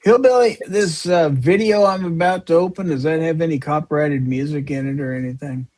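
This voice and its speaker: A man's voice: a little high, darkish tone. A man hosting a live podcast panel, chatting casually while showing viewer clips. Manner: quick, chatty, sharing screen clips. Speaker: podcast host.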